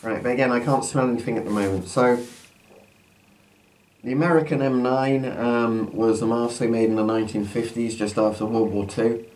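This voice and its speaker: A man's voice: mid-range voice, steady tone, moderate pace, darkish tone. A man talking through a gas mask with a muffled sound, giving a casual unscripted demonstration as a presenter. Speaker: presenter testing military gas masks. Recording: noisy amateur recording with background noise.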